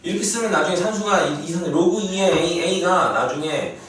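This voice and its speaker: Leading a math class, a man keeps checking that students are following, asking lively check-in questions often. His voice sits high at normal speed, picked up from a distance in an echoey classroom with faint noise.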